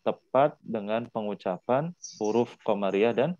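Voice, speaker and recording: A man's voice: lowish voice, a little slow, darkish tone, no echo, muffled recording. A man teaching Arabic in an online class, patiently repeating words for his students to drill.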